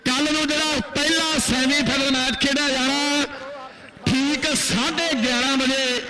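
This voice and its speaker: A man's voice: very high-pitched, flat delivery, unhurried, very noisy. A man with a Punjabi accent doing live commentary and public announcements at a kabaddi match. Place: outdoor kabaddi tournament ground. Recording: echoing outdoor PA system.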